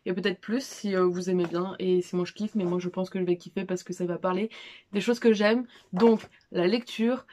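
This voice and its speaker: A woman's voice: on the low side, steady tone, normal speed, mellow, slight background noise. A young woman chatting casually about her monthly reads in a vlog, informal and slangy, with many fillers, restarts and self-deprecating asides. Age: young adult. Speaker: book vlogger. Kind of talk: casual monthly reading recap.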